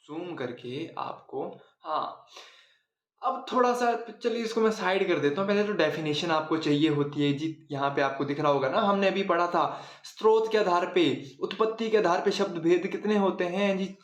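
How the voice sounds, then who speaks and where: A man's voice: high-pitched, roomy sound. A man teaching a casual Hindi grammar lesson, chatty, repeating words for emphasis and asking and answering his own questions.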